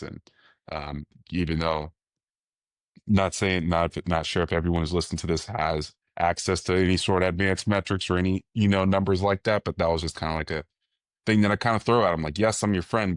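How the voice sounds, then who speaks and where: Deep-voiced man, rambling podcast guest. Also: steady tone, fairly quick, no room sound, studio quality. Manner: rambling, restarts often, leans on "you know". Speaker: podcast guest, baseball coach. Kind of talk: casual podcast conversation.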